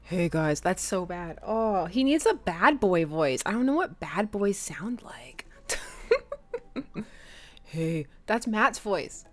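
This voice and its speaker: In a slow, sing-song, mid-range voice, a young woman plays a dating game on stream and reads its text aloud. She chats with viewers, asks them questions and giggles frequently between lines in a relaxed let's-play.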